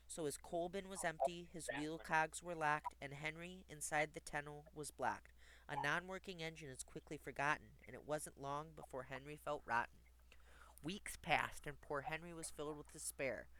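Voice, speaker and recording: A man reads children's rhyming verse in a bouncy, sing-song rhythm, leaning into each beat. His voice sits a little high and rings bright and forward. It sounds like a streamer reading bedtime stories to his chat. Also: rough recording. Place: home streaming setup.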